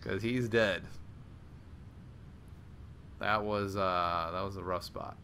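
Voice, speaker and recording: A man hosting an online card game show, commenting casually on matches and interviewing the winner, chatty and quick to laugh. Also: sits low, slight background noise. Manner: chatty, laughs often, animated outbursts. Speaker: host and commentator.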